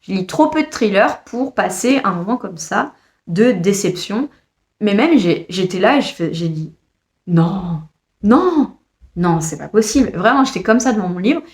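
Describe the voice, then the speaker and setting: A woman giving a casual, expressive review of her monthly reads, exasperated at times and speaking straight to the author. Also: mid-range voice, moderate pace. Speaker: book reviewer.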